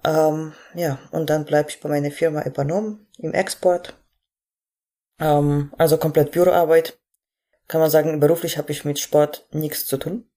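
A woman's voice: sits low, steady tone, moderate pace, warm tone. A woman, a podcast guest talking casually with many hesitations. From Poland. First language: Polish. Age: 20s. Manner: hesitant, many fillers, laughs easily. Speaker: guest athlete and coach.

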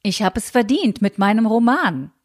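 A woman reading aloud and voicing a determined, free-thinking young woman writer who calmly stands her ground. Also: fairly high pitch, normal speed, voice pushed up.

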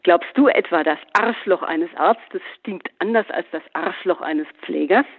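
A gruff, irritable older father, read out by a man who barks his words. The sound is thin and phone-like. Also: sits high, measured pace, heavily acted. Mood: indignant. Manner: barking, indignant. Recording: phone-like narrow band.

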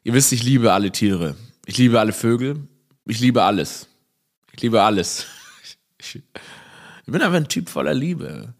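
A man, a comedian rambling through a casual, jokey podcast monologue full of self-irony. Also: mid-range voice. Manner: rambling, self-ironic, jokey, laughs at his own stories.

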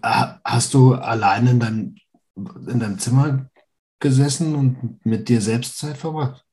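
Warm-voiced man hosting a podcast. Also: medium pitch, unhurried. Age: 30s. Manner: engaged, asks follow-up questions. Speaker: podcast host. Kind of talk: casual interview.

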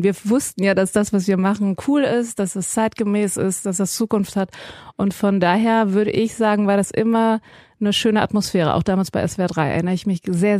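A woman's voice: medium pitch, darkish tone, no echo, studio quality. A woman in her forties, a radio journalist, talking as a guest in a podcast interview, chatty, with many fillers and restarts. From Iranian family.

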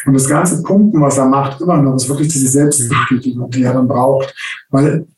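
A man working as a coach tells stories in a conversational interview, animated, acting out the people he quotes. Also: medium pitch, normal speed, far from the mic. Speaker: coach and trainer. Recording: roomy sound, a little off-mic.

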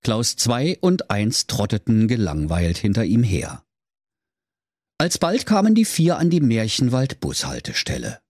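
A man's voice: fairly low pitch, slightly rough, no echo, clean studio sound. A man narrating a comic fairy tale in a playful storyteller tone. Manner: storyteller tone, playful, addresses children.

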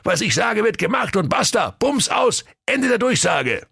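Bossy comic king, blustering, raised pitch, played by a man. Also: sing-song, unhurried, vocal fry, fairly bright tone, husky, no room sound, clean studio sound, full character voice. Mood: grumpy. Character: pompous lazy grumbling male king.

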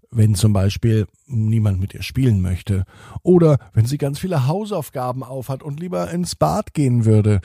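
A man narrating a children's story slowly and gently, with expressive read-aloud delivery. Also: lowish voice, breathy edge, dry recording, clean studio sound.

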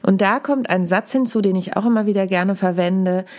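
Woman, thirties, podcast host, speaking coach, measured coaching delivery, mid-pitched, slight leftover cold. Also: a little mellow. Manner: deliberate, coaching tone, demonstrates stresses. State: lingering cold. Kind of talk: solo podcast talk.

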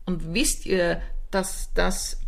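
A woman's voice: lowish voice, steady tone, very slow, creaky. A woman with a Viennese accent co-hosting a comedy podcast, bantering playfully and arguing over words. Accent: Austrian, Viennese. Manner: playful, argumentative wordplay. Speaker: podcast co-host, improv comedian. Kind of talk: casual banter.

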